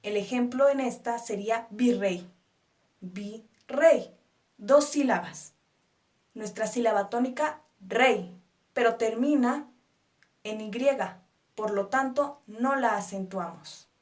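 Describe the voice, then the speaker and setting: Woman, teacher, unhurried and patient, slightly high voice, spells words out syllable by syllable. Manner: patient, stresses syllables one by one; reassuring rhetorical questions to viewers. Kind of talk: explanatory spoken lesson.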